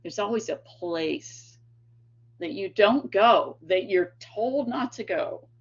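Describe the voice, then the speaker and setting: A guest lecturer and author from East Tennessee, speaking with that accent, tells rambling, chatty anecdotes full of fillers and laughs in a storytelling lecture. Her voice is medium-pitched, animated, slow and husky, captured in dull lo-fi sound.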